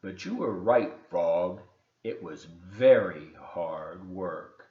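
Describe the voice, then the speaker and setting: A man voicing an anxious, earnest toad from a children's storybook, in a loud, plaintive and emphatic way. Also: low voice, animated, very slow, reverberant, highs cut off, voice pushed down, exaggerated voice. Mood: weary, grateful.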